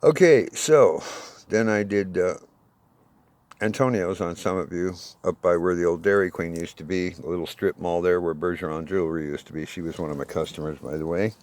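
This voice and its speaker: A man in his sixties giving a rambling, aggrieved monologue, swinging between loud bursts and low muttering. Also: fairly even intonation, quick pace, few pauses, no room sound. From United States. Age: 60s. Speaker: self-made video appeal.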